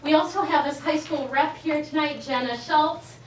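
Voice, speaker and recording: At a school board meeting, the teachers' union president gives an eager speech introducing each of her colleagues in turn. She has a high voice at normal speed, recorded far off in an echoey room with background noise.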